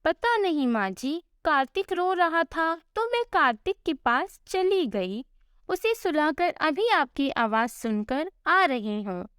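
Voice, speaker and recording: A woman's voice: sits high, big pitch swings, takes it slowly, a bit bright, no echo, clean studio sound, heavily acted. A woman voicing a meek, honest young daughter-in-law who answers politely and anxiously in a storybook tale.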